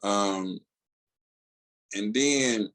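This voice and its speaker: Speaking very slowly in a fairly low, slightly bright voice, a man from rural Tennessee with a Southern US accent chats on a comics podcast he co-hosts. The talk is casual and animated, full of colloquial storytelling and acted-out dialogue.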